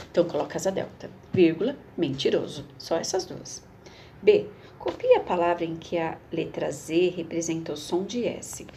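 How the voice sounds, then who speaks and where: A woman's voice: deep voice, vocal fry, mellow, slight background noise. A woman teacher, reading a schoolbook aloud and explaining it patiently to young children. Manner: patient, explains slowly, repeats words for children.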